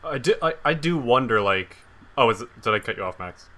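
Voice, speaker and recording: Man, podcast co-host, casual chat, rambling, filler-heavy, bright tense tone, middle pitch. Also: animated, fairly quick.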